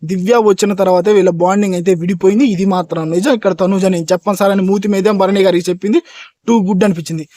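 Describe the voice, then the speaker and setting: High, rapid-fire male reviewer. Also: steady tone, dark tone, no echo. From India. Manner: emphatic, talks straight to fans, repeats points. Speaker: reality show reviewer. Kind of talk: fast opinionated review monologue.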